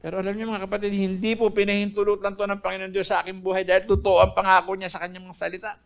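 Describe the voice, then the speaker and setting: Older man, earnest testimony speaker; raised pitch, rough gravelly edge. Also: flat delivery, rapid-fire. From Philippines. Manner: earnest storytelling, addressing listeners as brethren. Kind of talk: personal faith testimony.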